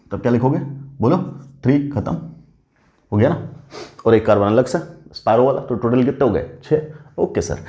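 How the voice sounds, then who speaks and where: In a medium-pitched, slightly mellow voice, a man teaches a chemistry class. He poses questions, answers them himself, and praises the students along the way.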